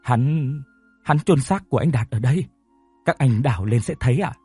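A tearful young woman weighed down by guilt, confessing in a choked, apologetic voice, as a man reads her part. The tone is mellow and breathy, close and dry. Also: medium pitch, lively intonation, normal speed, dry recording, soft background music. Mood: trembling.

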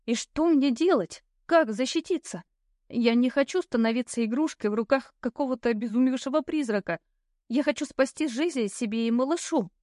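A frightened young pregnant woman, voiced by an audiobook reader, urgent and pleading in a fairly high voice. The recording is dry and close. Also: normal speed, darkish tone, no room sound, lightly acted.

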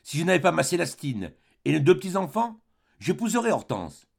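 A man's voice: fairly high pitch, sing-song, fairly quick, creaky, voice pushed up, heavily acted. A man doing a smug, pompous schemer. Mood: insinuating. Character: scheming pompous former perfumer, vengeful suitor.

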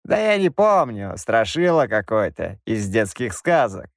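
A man voicing a grim, mocking middle-aged Roma man who talks calmly and with menace. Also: fairly low pitch, a little slow. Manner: mocking, calm, drawn out.

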